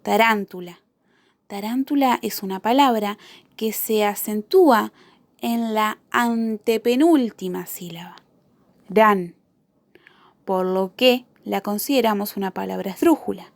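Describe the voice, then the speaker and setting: A woman teacher giving a spelling lesson to children, repeating each example word slowly and carefully. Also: medium pitch, vocal fry, dry recording.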